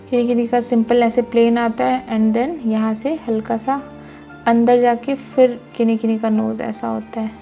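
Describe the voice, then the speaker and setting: A woman's voice: on the high side, creaky, mellow, muffled recording. A woman teaching a drawing lesson step by step, often checking that her students follow. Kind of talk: casual drawing tutorial.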